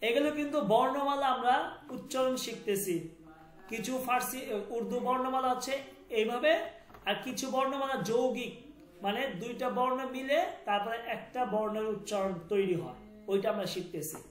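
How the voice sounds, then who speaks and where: A man's voice: extremely high pitch, moderate pace, echoey room. A man teaching a language class, repeating each sound and asking students to confirm.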